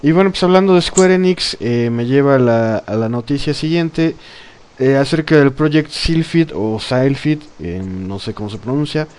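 A man hosting a podcast, chatting casually about games, animated and laughing often, with plenty of fillers. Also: mid-range voice, moderate pace, smooth. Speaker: podcast host. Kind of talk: casual gaming chat.

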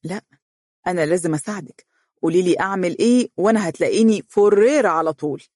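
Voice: medium pitch, quick pace, dry recording, natural voice. A storyteller voicing a joking, affectionate husband in Egyptian dialect, close to the reader's own voice. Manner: warm joking, mock-stern. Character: joking, affectionate husband who plays stern. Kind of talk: storybook reading.

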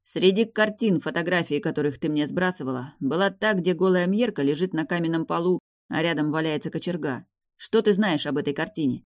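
A woman reading an audiobook, voicing a tense, protective young man who presses his point forcefully. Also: sits low, fairly quick, few pauses, no echo, clean studio sound, close to an everyday voice. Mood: pleading.

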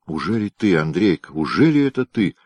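A man's voice: sits low, big pitch swings, brisk, darkish tone, dry recording. A man voicing a jealous, tearful young woman in an audiobook, speaking in a pleading, emotional way. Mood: overjoyed. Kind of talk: audiobook character reading.

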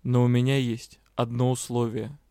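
A commanding male mage, cold and deliberate, with a sly teasing edge, as a male reader voices him. He speaks at a mid pitch, weighing his words. The reading is dry and close. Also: flat delivery, dark tone, smooth, no echo, lightly acted. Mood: stern. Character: stern, sly male lord-director, a powerful mage. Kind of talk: audiobook character voice.

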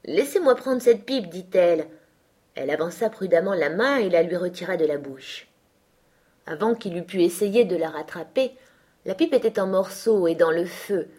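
A woman narrating a novel as an audiobook with a steady, measured delivery. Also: on the low side. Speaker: audiobook reader.

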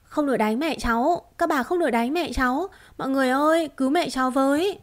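A woman voicing a frightened little boy who cries and pleads for his parents in a high, wailing voice. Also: quick pace, close to an everyday voice.

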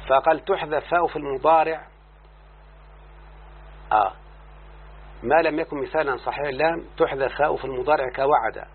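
A man's voice: a little high, brisk, long pauses, slightly rough. A man with an Egyptian accent teaching a lesson in a classroom style, explaining each point and constantly asking his student whether he has understood. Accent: Egyptian Arabic. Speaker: teacher of Arabic morphology. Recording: tinny lo-fi recording with faint hum.

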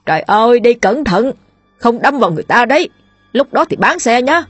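A woman's voice: lowish voice, quick pace, a little mellow, husky, dry recording, soft background music. A woman voicing a cheeky, shameless old man who chatters and nags. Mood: shouting. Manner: chattering and nagging.

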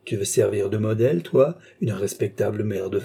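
Brief: gruff jealous baker, blunt, dark husky voice, played by a man. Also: lowish voice, expressive, normal speed, heavily acted. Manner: blunt, suspicious. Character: jealous gruff middle-aged male baker.

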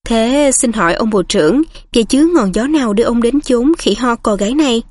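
A woman's voice: a little high, brisk, darkish tone, breathy edge, no room sound. A woman voicing a chatty, confiding woman innkeeper in a storybook reading.

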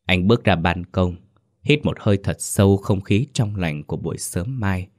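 A man narrating a written story in a slow, solemn way. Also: low voice, a little mellow, no echo, studio quality. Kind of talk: scripted ghost-story narration.

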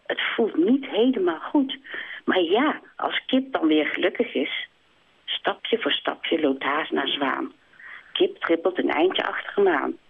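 A woman's voice: low voice, expressive, unhurried, vocal fry, breathy edge. A woman children's book author talking and reading aloud in a phone interview, hesitant, with many restarts. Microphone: telephone. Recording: tinny phone line.

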